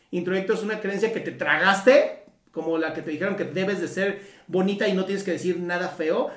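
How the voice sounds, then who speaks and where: Mexican therapist guy talking casual, swears a lot, lots of "right?", sounds echoey n far from the mic. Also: high-pitched. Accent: Mexican Spanish. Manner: colloquial, swears freely, frequent tag questions. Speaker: Gestalt psychotherapist. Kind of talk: casual motivational talk. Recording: roomy echo, mic at a distance.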